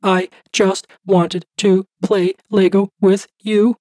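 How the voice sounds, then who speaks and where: Man putting on a six-year-old girl, squealing high voice, husky edge, dry close sound. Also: normal speed, darkish tone, no echo. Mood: tearful. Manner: high, shrieking, close to tears. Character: excitable little girl of six.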